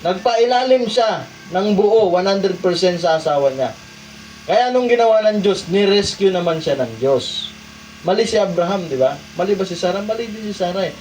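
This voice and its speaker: A man from the Philippines preaching a sermon, asking the congregation rhetorical questions and swinging between loud emphasis and quiet asides. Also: sits high, animated, moderate pace, recorded from a distance, a little hiss or hum, low-quality recording. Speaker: pastor. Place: church hall.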